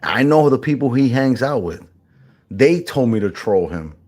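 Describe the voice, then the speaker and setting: Dude just rambling casually, mid-pitched voice, slangy, says bro every other line, lots of restarts. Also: male voice, big pitch swings, normal speed, darkish tone. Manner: slangy, calls the listener bro again and again; rambling, with many restarts and repeated phrases. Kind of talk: casual chat.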